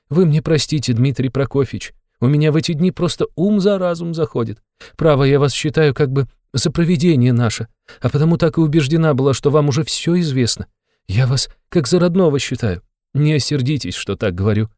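A man reading an audiobook, voicing a flustered, tearful aging mother in a high, breathless voice. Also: mellow, no echo, studio quality, lightly acted. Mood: anxious. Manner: breathless, rushed, exclamatory.

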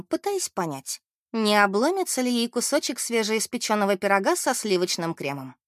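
A woman narrating a novel aloud in an expressive, measured way. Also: medium pitch, no echo, clean studio sound.

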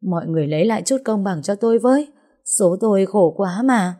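A woman's voice: mid-range voice, lively intonation, a little fast, mellow, natural voice. A woman narrator voicing a furious, heavyset middle-aged wife who hurls insults in an audiobook story. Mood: wailing. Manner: screeching insults, theatrical wailing.

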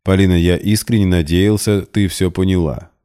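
Cold curt rich guy, deep low voice, measured, read by a man. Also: fairly even intonation, warm tone, clear, resonant tone, close to an everyday voice. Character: cold, weary wealthy man, dry and curt.

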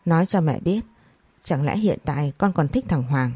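A woman's voice: sits low, lively intonation, moderate pace, mellow, husky, dry recording, heavily acted. A woman voicing a furious, heartbroken mother. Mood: scolding.

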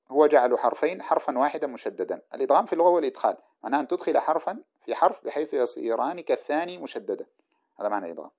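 Brisk male teacher, dull lo-fi lecture recording. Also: mid-range voice. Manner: brisk, explanatory, reads and comments on the text. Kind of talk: classroom lecture explaining a grammar text.

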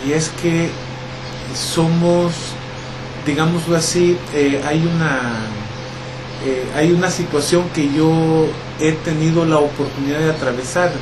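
A middle-aged man from El Salvador, answering interview questions in a reflective, relaxed way with many pauses and fillers. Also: fairly high pitch, background noise.

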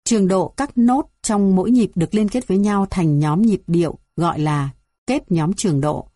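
A woman gives a steady, measured reading of a music theory textbook, going item by numbered item. Her voice is warm, mellow and mid-range. The recording has a dry, close quality with no echo.

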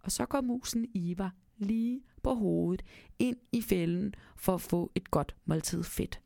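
A woman reading a Christmas storybook aloud and talking gently to the listener, then chatting casually. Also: medium pitch, creaky, no echo, clean studio sound. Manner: gentle, speaks to the listener directly. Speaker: storyteller and podcast host.

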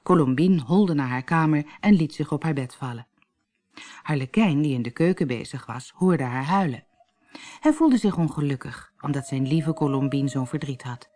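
A woman with a Dutch accent reading a fairy tale aloud in an expressive storytelling way. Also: deep voice, normal speed. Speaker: narrator.

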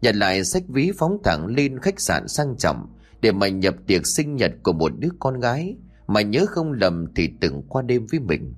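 A man narrating a scripted horror story in a lively, expressive way. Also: on the low side, normal speed.

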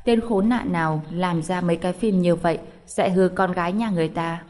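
A woman narrating a novel as an audiobook, reading in an even, steady way. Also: on the low side, a little fast.

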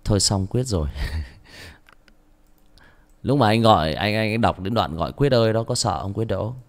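Expressive male horror story narrator. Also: fairly low pitch, normal speed. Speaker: audiobook narrator and channel host. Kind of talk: horror audiobook narration, then casual chat.

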